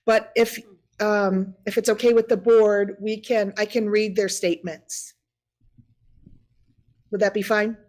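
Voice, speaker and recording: A woman's voice: medium pitch, level tone, unhurried, pauses often, darkish tone. A woman with a Wisconsin accent, a school district staff member presenting at a board meeting and reading statements aloud, laughing at her own slips.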